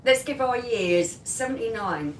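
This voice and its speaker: A woman's voice: animated, a little slow, recorded from a distance. A woman in her forties, co-hosting a live beer review stream, laughing often and firing back playful comebacks. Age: 40s. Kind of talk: casual live-stream banter. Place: indoor room, live stream. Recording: roomy, off-mic, clear background rumble.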